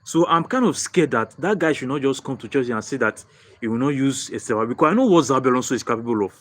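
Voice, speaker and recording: A young Nigerian man with a Nigerian accent hosts a live football fan stream, excitably answering viewer comments, repeating phrases and points, and restarting often. His voice is mid-range and he talks fast.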